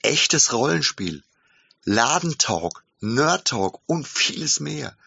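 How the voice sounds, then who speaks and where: A man's voice: mid-range voice, very animated, slow pace, vocal fry, sharp tone, breathy edge, dry recording, lo-fi sound. A man hosting his own podcast from inside his shop, speaking thoughtfully in a casual monologue. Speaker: game shop owner and podcast host. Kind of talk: casual spoken podcast monologue with book reading.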